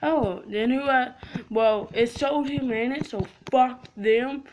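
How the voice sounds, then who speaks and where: High-voiced girl yelling and swearing over a game, lots of noise behind. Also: takes it slowly. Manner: loud, profane, excitable. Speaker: gaming channel host. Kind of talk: casual gaming commentary.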